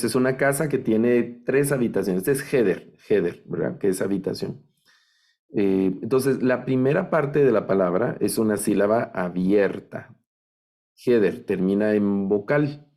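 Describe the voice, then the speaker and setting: A man teaching an online class, patiently repeating each word slowly for his students. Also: on the low side, mellow. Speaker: Biblical Hebrew teacher.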